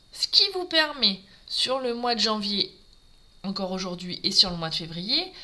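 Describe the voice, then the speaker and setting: A woman's voice: on the high side, sharp tone, a little hiss or hum. A French woman with a Norman accent, chatting through a live crafting tutorial and greeting viewers as she works. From France. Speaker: craft demonstrator.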